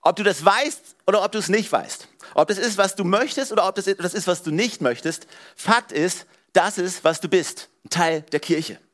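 A man's voice: sits high, moderate pace, few pauses, fairly bright tone. A man preaching a sermon as pastor, speaking earnestly and straight to his congregation. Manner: earnest, direct address to the congregation with repeated "hey" and "ja".

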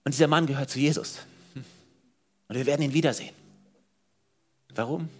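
A pastor preaching a sermon in church, lively and emphatic. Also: male voice, mid-range voice, moderate pace. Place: church service.

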